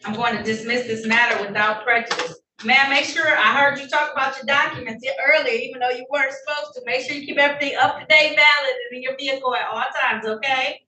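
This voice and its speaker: A woman's voice: high voice, steady tone, quick pace, few pauses, pushed and bright. A woman judge presiding over traffic court hearings, formal yet friendly as she reads out charges and rulings, heard in a courtroom recording. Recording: roomy, distant courtroom recording with faint noise.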